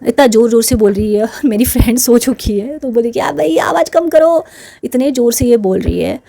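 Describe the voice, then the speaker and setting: A woman's voice: on the high side, brisk, creaky, dark tone. A woman hosting her channel, telling a personal story in a chatty, indignant way and mixing English words into her Hindi. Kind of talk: casual storytelling to camera.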